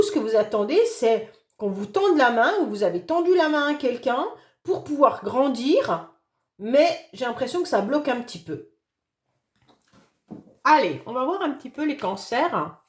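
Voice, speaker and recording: Hoarse high-voiced woman reading tarot. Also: roomy sound. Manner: gentle, reassuring, fond of "d'accord?" and "hein". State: hoarse voice after illness, occasional cough. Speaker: tarot reader. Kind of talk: monthly astrology reading for a sign.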